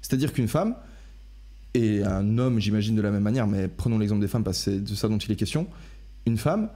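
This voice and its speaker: Mellow-voiced young man rambling through a podcast. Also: fairly low pitch, expressive, a little fast. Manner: rambling, full of restarts and self-corrections. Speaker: podcast host. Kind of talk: casual podcast discussion.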